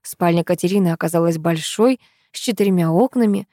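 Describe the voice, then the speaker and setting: A woman narrating an audiobook in an expressive storytelling style. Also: fairly low pitch, fairly quick, no room sound, clean studio sound.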